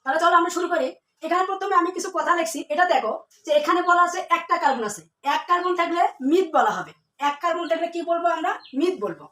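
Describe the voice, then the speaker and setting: A woman's voice: extremely high pitch, lively intonation, quick pace, pushed and bright. A woman teaching a chemistry lesson to students, asking questions and then answering them herself, repeating the key terms. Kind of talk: classroom lesson. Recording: echoey room, mic at a distance.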